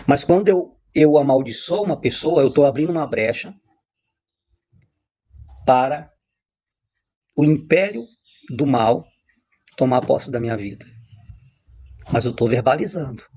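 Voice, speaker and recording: A man's voice: medium pitch, a little slow, long pauses, a little mellow, slightly rough. A man giving an unscripted spiritual teaching, talking in an emphatic, repetitive way with frequent restarts. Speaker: religious teacher. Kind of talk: spontaneous spiritual teaching monologue.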